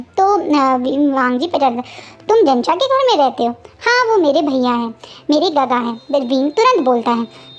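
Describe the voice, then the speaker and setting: A woman casually retelling her own fanfiction, halting and often restarting. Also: sits high. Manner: halting, with many fillers and restarts. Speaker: fanfiction narrator. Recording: dull lo-fi recording.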